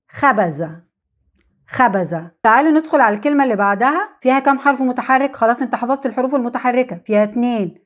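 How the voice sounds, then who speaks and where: A woman with an Egyptian Arabic accent teaching an English lesson on vowel rules, who repeats example words slowly and asks and answers her own questions. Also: on the high side.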